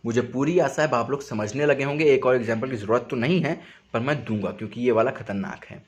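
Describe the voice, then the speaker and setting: This mid-range voice comes from a man running a spoken English lesson at his home in a residential neighbourhood. He builds the explanation step by step, supplies answers to his own questions, and stretches out words slowly so their sounds are clear.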